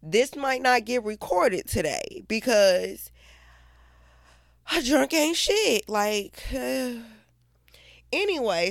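A young woman hosts her own podcast the morning after drinking, still drowsy and hung over. She speaks slowly with a gravelly edge, swearing and addressing her listeners directly. The recording is close and dry. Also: medium pitch, dry recording. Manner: profane, laughing, talks straight to listeners. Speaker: podcast host. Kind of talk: casual podcast monologue.

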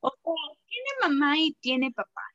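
A Mexican woman co-hosting a podcast, outspoken and animated in casual slangy chat. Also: high voice, a little slow, muffled recording. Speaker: podcast co-host.

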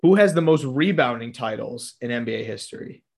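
A man's voice: medium pitch, animated, fairly quick, gravelly. Young male host, casual, reads quiz options aloud, laughs often. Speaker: podcast host reading quiz questions. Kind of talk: casual chat.

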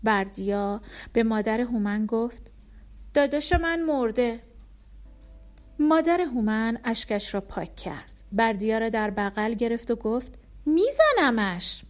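Casting: female audiobook narrator, calm storybook reading, fairly high voice.

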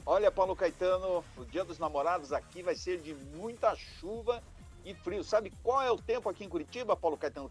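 Radio guy calling in weather and football, upbeat, kinda high voice, music under it. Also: husky. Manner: lively, repeatedly addressing the host. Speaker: weather and sports correspondent. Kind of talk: radio report.

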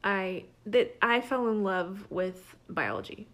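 A woman's voice: medium pitch, slow pace, a bit bright. A middle-aged woman co-hosting a podcast, chatting casually and trailing off mid-thought. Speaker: podcast co-host. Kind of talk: casual chat.

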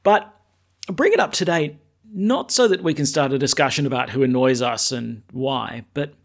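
A man speaking as a priest, reading scripture and preaching in a measured, solemn way. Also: mid-range voice, creaky. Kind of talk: liturgical reading and homily.

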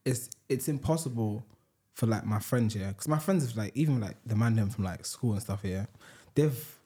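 A young man, co-hosting a casual podcast chat and telling stories in slangy, animated bursts. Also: lowish voice, moderate pace. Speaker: co-host.

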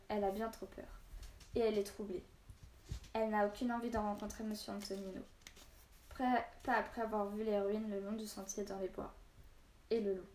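A woman reads a story aloud with steady, expressive narration, briefly voicing the characters in dialogue. Her voice sits at a middle pitch. The sound carries a roomy echo. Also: slight background noise. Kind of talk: reading a children's novel aloud.

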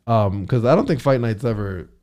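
A man's voice: medium pitch, lively intonation, mellow. A man chatting casually, swearing often and calling his friend "bro", with frequent restarts. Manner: profane, slangy, says "bro" a lot; halting, restarts phrases. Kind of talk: casual chat.

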